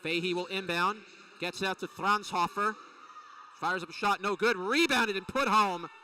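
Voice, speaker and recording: A man calling a college women's basketball game play by play, with rapid, excited calls of each play. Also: high-pitched. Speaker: play-by-play announcer. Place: college gym. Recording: distant mic with faint gym noise.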